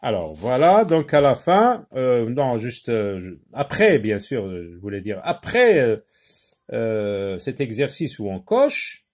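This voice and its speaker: A man teaching a phonics lesson to young children, repeating words slowly and hesitating often. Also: mid-range voice, very animated, darkish tone. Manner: slow and deliberate, repeats words and syllables; frequent hesitations with euh.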